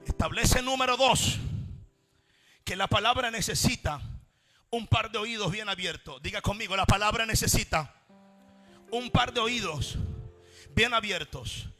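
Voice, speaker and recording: A man preaching a sermon to a congregation in a church, with a repetitive, impassioned cadence that swings between shouts and quiet passages. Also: high voice, measured pace, long pauses, faint music behind.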